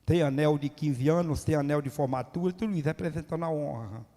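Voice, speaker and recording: A man's voice: on the high side, a little fast. A man preaching a sermon, emphatic and full of rhetorical questions. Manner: emphatic, rising to near-shouting at climaxes, rhetorical questions. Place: church hall. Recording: long reverb of a church hall.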